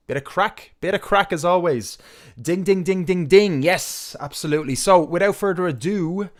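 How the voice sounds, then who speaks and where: An Irish man hosting a live music stream at a middling pitch. He gushes with enthusiasm, talks in long chatty runs and fills the gaps with plenty of "uh"s. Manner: enthusiastic, chatty, many fillers. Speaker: host of a live music show.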